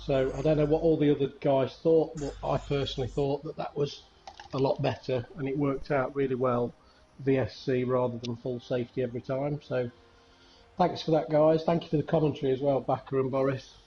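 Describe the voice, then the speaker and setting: A man's voice: medium pitch, little pitch movement, fairly quick, dark tone. A man from a racing league thanking the drivers and commentators in a casual way. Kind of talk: casual chat. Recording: dull lo-fi mic with faint noise.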